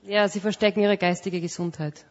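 A woman's voice: medium pitch, fairly even intonation, brisk, muffled recording. A woman interpreting a sermon phrase by phrase, plainly and sometimes searching for words.

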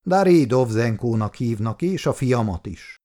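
A man voicing a kind, weary old man in a wheelchair in an audiobook, speaking calmly and gently. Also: mid-range voice, close to an everyday voice. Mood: gentle.

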